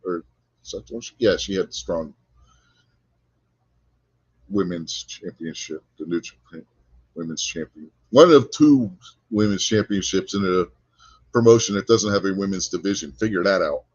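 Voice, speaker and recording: Husky, lowish male co-host, blunt and dismissive, on a slightly dull, dry recording. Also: normal speed, pauses often, dry recording. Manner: blunt, dismissive opinions with frequent laughs. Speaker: podcast co-host. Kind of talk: casual chat.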